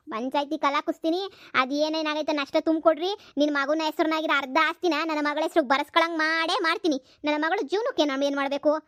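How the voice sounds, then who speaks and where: A woman voicing a loud, combative village mother in a cartoon comedy, scolding rapidly. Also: high-pitched, no echo, studio quality. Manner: shouting accusations, rapid scolding.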